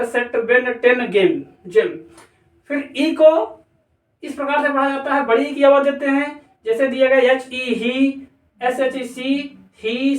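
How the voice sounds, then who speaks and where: A man with a high voice gives a spoken language lesson. He talks slowly and carefully, spelling out letters and saying words again and again. The room echoes and he sits some way from the microphone. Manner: slow, deliberate, spells out letters and repeats words. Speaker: English teacher. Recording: roomy echo, voice distant from the mic.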